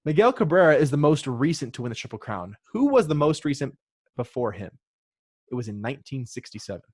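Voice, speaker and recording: A man's voice: mid-range voice, very animated, fairly quick, a little mellow. A man hosting a sports podcast, reading out trivia questions and options in casual chat with joking asides. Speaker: podcast host running a trivia quiz.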